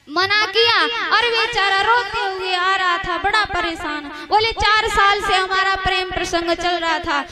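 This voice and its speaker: A woman giving a devotional storytelling sermon and telling folksy anecdotes to her listeners. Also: very high voice. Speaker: Bhagavat katha storyteller. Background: loud devotional music.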